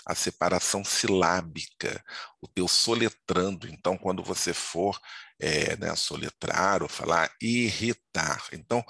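An older Portuguese teacher with a Brazilian accent gives a casual grammar lesson, rambling chattily and constantly tacking on questions to seek agreement. His voice is low with vocal fry, bright and forceful, slightly rough, and there is no room sound.

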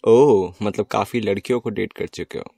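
A man's voice: lowish voice, moderate pace, gravelly, warm tone, husky, no room sound, clean studio sound. A man voicing a playful, teasing young woman in an audio love story, with a giggly way of talking.

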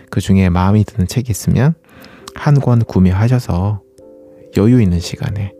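In a warm, lowish voice, a running channel host walks listeners through explanations and puts questions to them. He keeps things relaxed and courteous.

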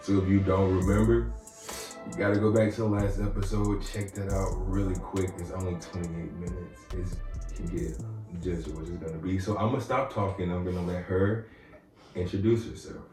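A man's voice: sits low, steady tone, normal speed, mellow, soft background music. A man hosting a podcast in casual chat, loose, slangy and joking with his guest. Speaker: podcast host. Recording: roomy, distant mic, faint ambience.

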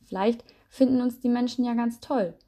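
A woman voicing a gentle, wise elderly grandmother spider in a storybook, speaking softly and tenderly. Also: a little high, close to an everyday voice. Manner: soft, slow, tender.

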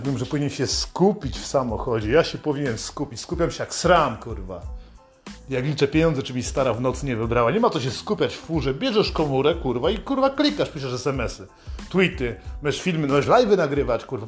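A man delivering a satirical comedic rant in a swaggering, foul-mouthed manner. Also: medium pitch.

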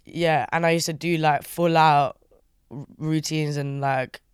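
A young woman chats casually as an interviewed artist, in an English urban roadman accent full of street slang. Her voice is clean and smooth, pitched on the low side for a woman, and recorded dry and close. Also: fairly even intonation, measured pace, no room sound. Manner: slangy roadman-style speech. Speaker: music artist being interviewed.

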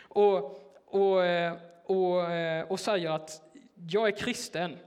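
High-voiced man preaching casually. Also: fairly even intonation, a little mellow, clean tone. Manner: casual, hesitant, filler-heavy storytelling. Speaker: church worker preaching. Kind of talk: sermon told as a personal story. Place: church.

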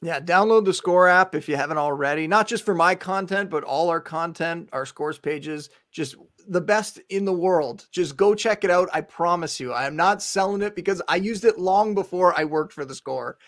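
A man's voice: high-pitched, moderate pace, few pauses, a bit bright, dry recording, studio quality. A man speaking as a guest analyst on a casual podcast interview, upbeat and promotional, rattling off lists. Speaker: guest fantasy football analyst.

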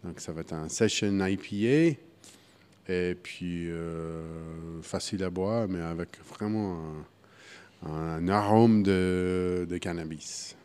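Low, mellow man, halting French. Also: smooth. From United States (Kansas). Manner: halting, many restarts and fillers, trailing off quietly. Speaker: brewer, guest. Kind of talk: casual interview.

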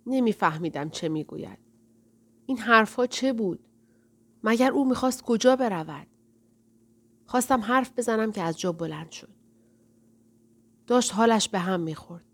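A woman reading a first-person novel aloud in a quiet, reflective way. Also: a little high, expressive, pauses often. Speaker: narrator. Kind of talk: audiobook narration.

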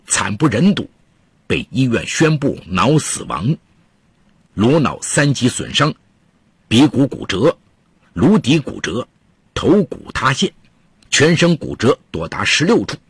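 A man narrating true crime stories from a script in an emphatic, dramatic manner, with a husky, rough-edged voice. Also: mid-range voice, very animated, measured pace, a bit bright, dry recording, studio quality.

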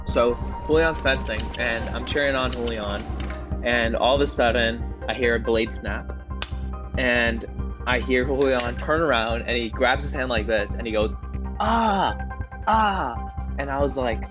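A young man co-hosting a podcast, telling a story in a casual, excitable way with lots of "like" and restarts. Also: medium pitch, moderate pace, over music. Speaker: podcast co-host.

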